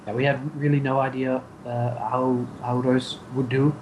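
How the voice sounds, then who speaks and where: A man with a medium-pitched voice talks as a game developer in an interview. He jokes and laughs easily, and a faint hiss sits behind him. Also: flat delivery, moderate pace, dull audio. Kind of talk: casual interview chat.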